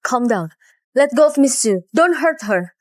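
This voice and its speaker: A composed, cutting young woman who stays firm and cool. The voice is high and sits close in a dry recording. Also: animated, moderate pace, no room sound. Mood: calming. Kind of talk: dubbed drama acting.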